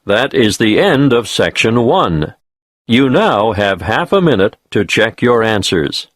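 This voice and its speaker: A man's voice: lowish voice, big pitch swings, dry recording, studio quality. A man reading formal instructions as the narrator of a listening test. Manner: measured, formal announcing. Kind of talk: scripted instructions.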